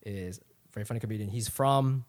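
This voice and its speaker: With a low-leaning, slightly mellow voice and a quick pace, this man chats as a comedian guest on a casual podcast. Japanese-born but raised in Ohio since age eight, he sounds American and tells candid, profane, wandering stories.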